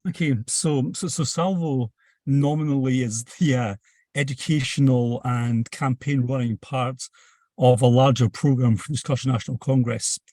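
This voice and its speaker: A man's voice: mid-range voice, fairly even intonation, moderate pace, mellow, no room sound. A man speaking as a campaigner on a panel, explaining things emphatically in plain words. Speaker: campaign activist, panel guest. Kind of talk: explanatory interview talk.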